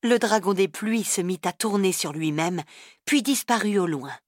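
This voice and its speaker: A woman narrating a children's story in a calm, even storybook manner. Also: medium pitch, moderate pace, dry recording, studio quality.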